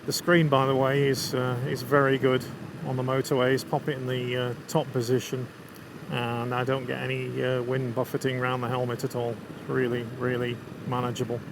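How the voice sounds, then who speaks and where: This English motorcycle vlogger speaks in a monotone at medium pitch and normal speed, his Lancashire accent clear as he rides outdoors. Despite the flat delivery, his commentary to viewers is chatty and keen on the bike and views. Constant road, wind and traffic noise fill the recording.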